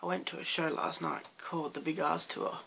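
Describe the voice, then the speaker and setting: A young Australian man with a hoarse, croaky voice, chatting loosely in a late-night vlog and rambling through restarts. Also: fairly high pitch, steady tone, fairly quick, sharp tone, slight background noise. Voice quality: gravelly fry. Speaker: vlogger.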